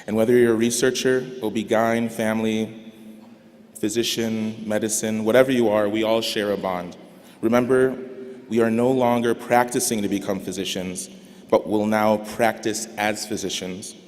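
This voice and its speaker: A young man giving a commencement speech on behalf of his graduating class, earnest and deliberate, with emphatic rises. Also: fairly low pitch, fairly even intonation, darkish tone. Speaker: graduating student speaker. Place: large arena. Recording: reverberant arena PA sound.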